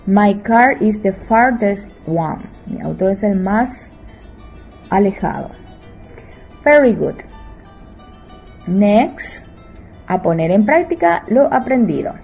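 Slow, mellow woman teaching English. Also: mid-range voice, lively intonation, vocal fry, soft background music, low-quality recording. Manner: checks in with frequent "¿sí?"; slow English examples, quicker Spanish explanations. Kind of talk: bilingual grammar lesson.

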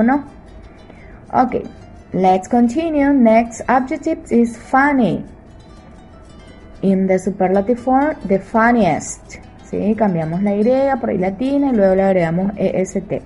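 Slow, mellow woman teaching English. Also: medium pitch, poor audio. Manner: checks in with frequent "¿sí?"; slow English examples, quicker Spanish explanations. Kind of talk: bilingual grammar lesson.

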